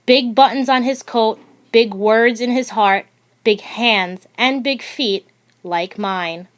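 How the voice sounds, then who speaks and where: This woman's voice sits on the high side as she narrates a children's picture book for audio. She reads in a deliberate, expressive storytelling manner.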